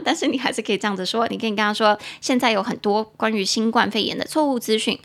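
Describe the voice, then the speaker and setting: A young woman hosting a casual podcast English lesson, chatty, spelling words out slowly letter by letter. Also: medium pitch, fairly bright tone. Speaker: podcast host teaching English.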